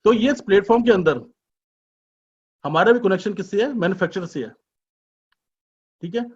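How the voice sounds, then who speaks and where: A man giving a business presentation as an informal sales pitch, chatty and persuasive, full of rhetorical questions and teasing asides. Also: lively intonation, moderate pace, husky. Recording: dull lo-fi recording.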